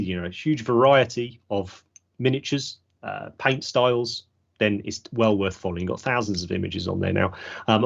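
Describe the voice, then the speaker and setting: A man hosting a casual hobby podcast, relaxed and chatty. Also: medium pitch, gravelly. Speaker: podcast host. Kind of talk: casual chat. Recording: dull lo-fi audio.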